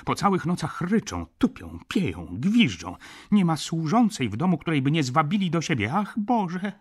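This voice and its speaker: A man reading an audiobook, voicing a hysterical aristocratic baroness who complains in a shrill, wailing tone. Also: big pitch swings, moderate pace, breathy edge. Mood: shrill complaint. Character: hysterical aristocratic baroness, middle-aged woman. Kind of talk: audiobook character voice.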